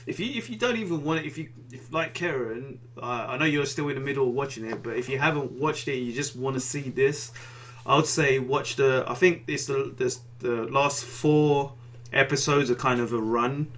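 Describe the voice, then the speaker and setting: A man's voice: medium pitch, normal speed, fairly bright tone. A man co-hosting a casual podcast, rambling enthusiastically and often saying "man". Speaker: podcast co-host. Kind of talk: casual chat.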